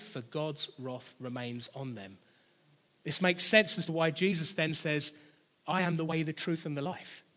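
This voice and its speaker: A male preacher with a somewhat high voice delivers a sermon in an earnest, chatty manner. He often rephrases and repeats his key lines. The voice rings out in a hall with a long reverb. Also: a bit bright.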